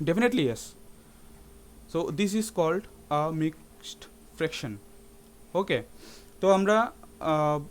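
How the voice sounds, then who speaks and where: A man's voice: fairly high pitch, slight background noise. A man teaching a math lesson in a classroom-lecture style, often asking his students rhetorical questions and slipping English terms into his speech.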